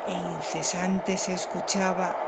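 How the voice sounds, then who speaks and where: A woman's voice: fairly low pitch, little pitch movement, measured pace, heavy background noise. A woman storyteller reciting a comic verse tale with a playful, rhythmic delivery. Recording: music playing behind the voice.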